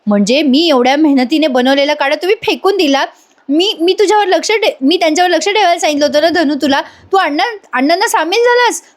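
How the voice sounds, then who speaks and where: Woman voicing a high-voiced young daughter-in-law. Insistent and scolding. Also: moderate pace, lightly acted. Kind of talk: storytelling voice-over retelling a serial.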